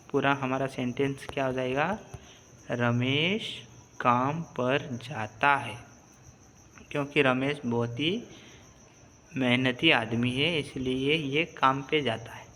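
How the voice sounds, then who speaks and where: A man gives a slow reading lesson, spelling out each syllable and repeating it with patience. His voice is bright and clear. Faint insect sounds hum in the background. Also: medium pitch. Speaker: teacher.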